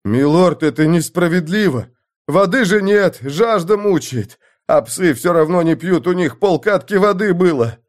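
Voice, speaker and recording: A man's voice: mid-range voice, lively intonation, measured pace, darkish tone, lightly acted. A man voicing frightened common archers in an audiobook, pleading timidly with their lord. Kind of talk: audiobook character voice.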